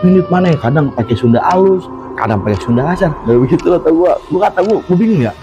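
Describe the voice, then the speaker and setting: Man, casual ghost story telling, lively voice, music behind. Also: a little high, fast talker, dull audio. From Jakarta. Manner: animated, acts out quotes, laughs often. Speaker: storyteller guest.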